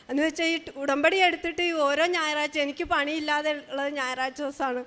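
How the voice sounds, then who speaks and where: A woman giving an emotional, halting personal testimony at a shrine. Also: high-pitched, fairly bright tone, long reverb tail.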